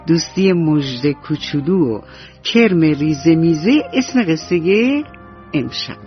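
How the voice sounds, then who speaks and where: A woman storyteller narrating a bedtime story for children on the radio, talking warmly to her young listeners. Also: sits low, animated, highs cut off, music in the background. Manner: warm, friendly addressing children.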